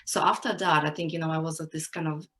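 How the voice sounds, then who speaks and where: A woman's voice: deep voice, steady tone, fast, a bit bright. A woman from Poland, a personal development coach, talking reflectively in an interview with many "you know" fillers. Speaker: guest coach. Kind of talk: casual interview talk.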